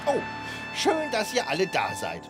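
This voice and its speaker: A man's voice: sits high, huge pitch swings, unhurried, music in the background, heavily acted. An actor playing Bert, an earnest, fussy puppet man in a children's show who explains eagerly and stammers when flustered. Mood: eager, proud.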